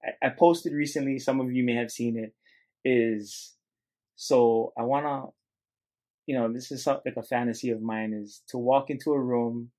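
A man's voice: mid-range voice, steady tone, normal speed, warm tone. A man hosting a motivational podcast alone, talking earnestly and loosely to his listeners, circling back and restarting his thoughts. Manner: earnest, rambling, addresses listeners as guys. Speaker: podcast host.

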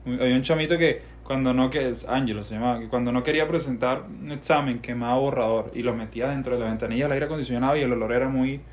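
A man's voice: medium pitch, a little hiss or hum. A young man with a Venezuelan accent, co-hosting a podcast and bantering crudely and freely. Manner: profane, quick banter. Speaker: podcast co-host. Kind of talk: casual podcast chat.

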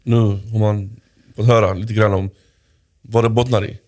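A man hosting a podcast, asking probing questions in a relaxed conversational way. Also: fairly low pitch. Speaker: podcast host. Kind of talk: interview questions.

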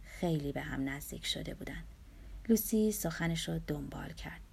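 A woman narrating a story in a soft audiobook reading, at times dropping to a whisper. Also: low voice, vocal fry, husky.

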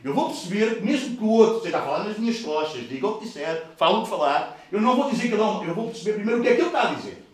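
A male pastor with a European Portuguese accent preaching a sermon, lively, swinging from loud bursts to soft asides. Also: high voice, racing. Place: large church hall. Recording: very echoey hall, mic at a distance.

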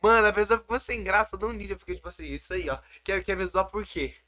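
A man's voice: high-pitched, quick pace, sharp tone. A teenage boy with a sore throat co-hosting a podcast, full of slangy joking banter. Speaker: podcast co-host. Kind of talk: casual chat.

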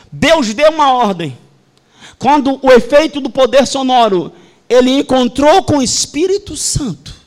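A man with a Brazilian accent preaching a sermon at a church service. His delivery is emphatic and repetitive, swinging from hushed lines to shouts. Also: very high-pitched. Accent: Brazilian Portuguese. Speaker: pastor.

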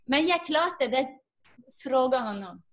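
A woman's voice: sits high, animated. A woman, a guest earnestly telling a personal faith story and acting out the dialogue.

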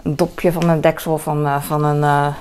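A woman's voice: low-pitched, flat delivery, moderate pace, background noise. A middle-aged woman chatting casually in her home kitchen, rambling with many fillers. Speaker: vlogger. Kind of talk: casual vlog chat. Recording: clattering dishes nearby. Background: clinking dishes and cutlery.

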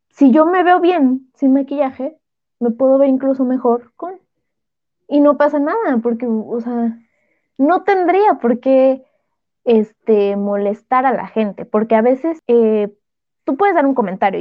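A woman's voice: fairly high pitch, dry recording. Chatty Mexican woman, tinny sound. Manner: chatty, opinionated, animated. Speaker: podcast co-host. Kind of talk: casual chat.

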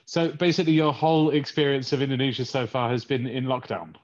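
Guy hosting an interview, talks fast, kinda muffled audio. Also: medium pitch, fairly even intonation. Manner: friendly, quick, repeats words. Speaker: interviewer host. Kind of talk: casual interview chat. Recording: dull lo-fi sound.

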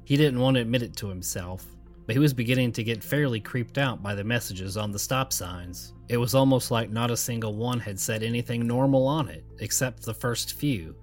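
A man narrating a scary story in a calm, measured voice. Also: medium pitch, faint music behind. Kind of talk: scripted narration.

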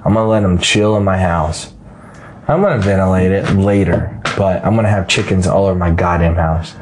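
A man's voice: deep voice, a little fast, a little hiss or hum. A man hosting a podcast, talking in a rambling, profane, jokey way. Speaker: podcast host. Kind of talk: casual podcast chat.

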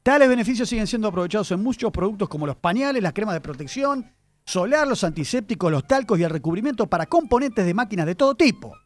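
Lively high-voiced radio man. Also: fast. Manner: chatty, animated storyteller addressing listeners. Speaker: radio columnist. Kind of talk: radio segment on word origins. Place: radio studio.

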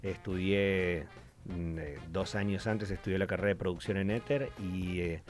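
A man's voice: sits low, normal speed, soft background music. Argentine male voice actor, chatty on-air guest, plays out every voice in his stories. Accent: Argentine Spanish. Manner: animated storyteller, acts out voices in anecdotes. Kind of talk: radio interview chat.

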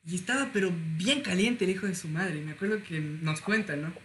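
A young man, chatting on a podcast and telling lively stories with frequent laughter. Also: high-pitched, fairly quick, very noisy. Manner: animated storyteller, laughs often. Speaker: podcast host. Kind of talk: casual chat.

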